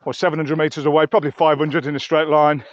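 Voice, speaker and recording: This vlogger's voice is on the high side, with a flat delivery and a quick pace, recorded with no room sound and the highs cut off. He narrates casually to camera while hiking a mountain trail, reviewing gear and rambling in a chatty manner.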